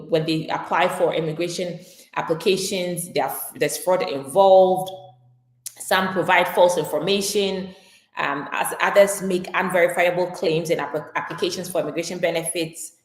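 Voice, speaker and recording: A woman's voice: on the low side, reverberant. A woman immigration attorney explaining legal updates on a live stream, talking it through with frequent fillers and restarts.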